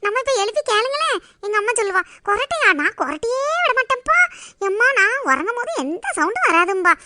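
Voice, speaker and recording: A woman voicing a bossy, excitable young girl in a cartoon, chattering and teasing with a Tirunelveli Tamil accent. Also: very high-pitched, fairly quick, no room sound, exaggerated voice. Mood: hushed. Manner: chattering, teasing, hushed whispering. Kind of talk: cartoon voice acting.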